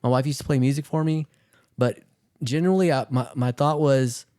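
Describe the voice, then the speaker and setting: A man co-hosts a podcast in a studio and speaks earnestly about a hard stretch of his life. His words come out quickly in a mellow, dark tone. The studio sound is close and dry. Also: mid-range voice, dry recording. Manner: earnest, telling of a hard illness. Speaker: podcast co-host. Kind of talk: casual chat.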